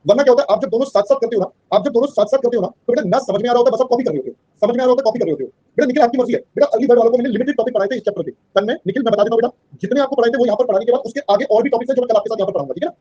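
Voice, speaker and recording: A man's voice: extremely high pitch, racing, hardly any pauses, dark tone, husky, highs cut off. A man teaching an online class in a mix of Hindi and English. He keeps checking that the students understand and calls them "beta".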